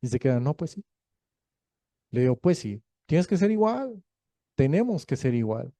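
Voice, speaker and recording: A male pastor, preaching a sermon in a lively, joking storytelling manner. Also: fairly high pitch, moderate pace, no echo. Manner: lively storytelling, acting out quoted voices; jokey, laughs between points.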